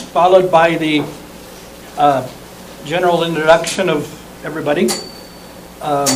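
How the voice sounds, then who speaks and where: A man, a board member, reading a meeting agenda aloud in a plain, steady way, with small asides. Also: on the high side, background noise.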